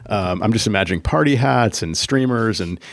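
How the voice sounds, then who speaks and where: A man's voice: on the low side, animated, a little fast, gravelly, no room sound. A man co-hosting a podcast, telling a long work story in casual chat, full of fillers and restarts. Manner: rambling, many fillers and restarts. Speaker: podcast co-host, Apple consultant.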